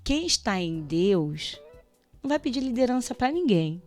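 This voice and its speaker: Radio guest, female, higher register; lively testimonial storyteller who acts out dialogue, light music bed. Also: normal speed. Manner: animated storytelling, acts out prayers and dialogue, laughs often. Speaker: radio show guest, teacher. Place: radio studio.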